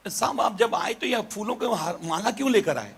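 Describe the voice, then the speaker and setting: A man's voice: sits high, expressive, moderate pace, a bit bright, breathy edge, exaggerated voice. A man voicing an insistent male hospital patient in a told joke. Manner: insistent, repeating his question.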